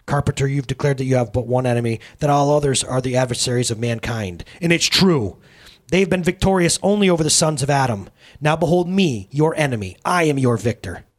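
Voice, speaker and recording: A man voicing Death as a boastful, gloating monster in a dramatic story reading, declaiming loudly. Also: mid-range voice, lively intonation, a little fast, natural voice.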